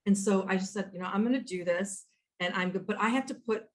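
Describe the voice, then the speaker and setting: Fast-talking woman in her fifties. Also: medium pitch. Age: 50s. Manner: animated, quotes herself, frequent restarts. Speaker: guest, author and entrepreneur. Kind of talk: conversational storytelling.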